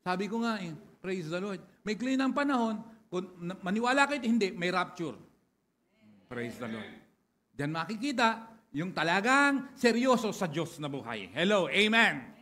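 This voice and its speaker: Pastor guy, kinda high voice, chatty sermon that gets loud. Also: big pitch swings, moderate pace. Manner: chatty with congregation, then preaching with rising loudness.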